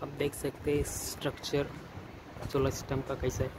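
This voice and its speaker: An electrician shows off an installation in a relaxed walkthrough, recorded on a handheld phone he holds while off-frame, first outdoors on a rooftop and then in an indoor stairwell and wall area. Traffic noise is clearly heard. His medium-pitched delivery is completely flat, and he keeps pausing, repeating words and restarting as he points things out.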